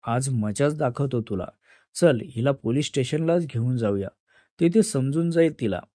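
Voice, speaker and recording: A man voicing an arrogant, bullying male police inspector who mocks and shouts threats in a storytelling reading. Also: medium pitch, normal speed, no echo, clean studio sound, close to an everyday voice. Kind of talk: Marathi story narration.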